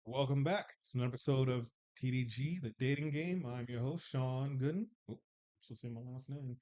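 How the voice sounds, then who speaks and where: A man's voice: mid-range voice, fairly quick, mellow, muffled recording. A man in his forties hosting a live dating panel show in a loose, joking way, with filler words and restarts. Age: 40s. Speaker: host.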